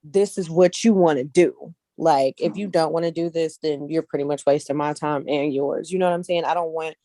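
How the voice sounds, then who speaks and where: As an interview guest, this casting director, actress and model talks in a casual, earnest way, frequently repeating phrases to stress her points. Her deep, dark voice stays steady at a moderate pace, and the recording is dry.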